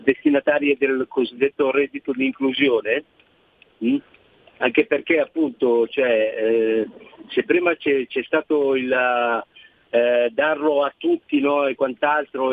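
A man from Milan calling in to a radio show over a phone line, asking his question haltingly with many fillers and repeated words. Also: mid-range voice, vocal fry, dry recording. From Milan, Italy. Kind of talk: casual call-in question. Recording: tinny dry phone line.

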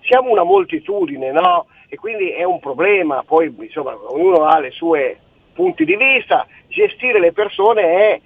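A man heard over a thin, tinny telephone line, dry and close, arguing in an insistent, rambling way. His voice sits high and swings widely in pitch, with a gravelly edge. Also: wildly swooping pitch, moderate pace, no room sound. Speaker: caller. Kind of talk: phone-in call to a talk radio show. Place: on a phone, away from the studio.

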